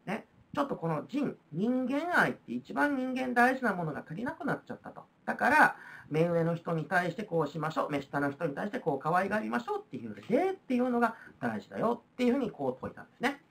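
A woman's voice: mid-range voice, sing-song, fast, few pauses. A woman with a Kansai accent teaching a history lesson on video, explaining in a chatty way with frequent fillers. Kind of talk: recorded video lecture.

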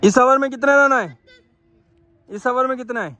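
The audio is dull, but the young Pakistani man's voice is very high-pitched and moves at a moderate pace. Filmed on a phone at an outdoor dirt cricket ground, he delivers repetitive, excited live commentary on a street match and calls to the umpire.

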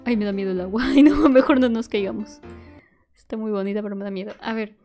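A woman giving playful commentary on a game, excitable, squealing and shrieking at every fall. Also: mid-range voice, quick pace, faint music behind. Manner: talks to the baby as she plays. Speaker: gaming youtuber.

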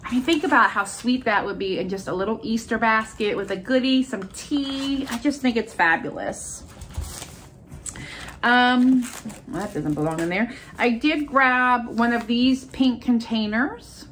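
Sitting in a furnished room at home, a haul video host presents her purchases in an easygoing, enthusiastic chat. She's a middle-aged American woman whose congested, stuffy voice is a little high, unhurried and fairly bright, with slight hiss or hum on the recording.

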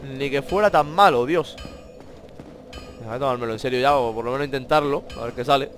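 A man with a Spain Spanish accent giving excitable let's-play commentary, swearing a lot and talking to the enemies on screen. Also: medium pitch, brisk, soft background music. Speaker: gamer playing a video game.

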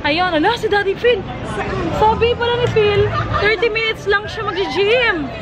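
A woman from the Philippines, a family vlogger, chatting quickly and laughing often, mixing languages. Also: very high voice. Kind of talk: casual vlog chat. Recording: loud street crowd and traffic noise.

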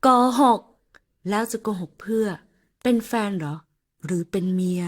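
A woman voicing a stubborn young woman secretary in an audio novel, with sharp, snappy retorts. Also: medium pitch, moderate pace, close to an everyday voice. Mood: indignant.

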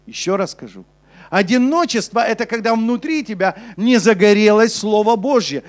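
Young man, pastor, high-pitched voice, sermon, handheld mic, church stage, swings from urgent to hushed. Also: expressive, normal speed. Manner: preaching with rising intensity, then dropping soft and low for scripture. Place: church stage before a congregation.

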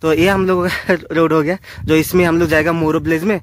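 A travel vlogger in his twenties films himself with a phone on a selfie stick, chatting excitedly and casually to viewers on windy hilltops and a swaying bridge. His voice is a little high and a little fast, with no echo but clear wind noise outdoors.

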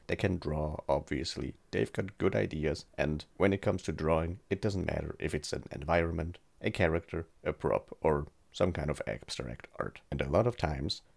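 Super low croaky guy talking with a sore swollen jaw, casual art tutorial voiceover. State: sore, swollen jaw after recent surgery. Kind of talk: scripted video essay narration.

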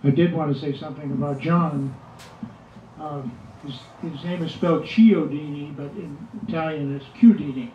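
A man's voice: fairly high pitch, moderate pace, slight background noise. An older man giving casual remarks to an audience, rambling a little with fillers and restarts. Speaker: musician speaking at an event. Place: music shop, indoors. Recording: echoey room from far off, dull lo-fi.

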